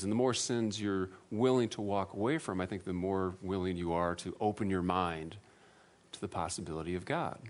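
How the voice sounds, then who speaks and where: A man giving a personal testimony to an audience, earnest and self-deprecating, with halting restarts. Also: lowish voice. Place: room with an audience.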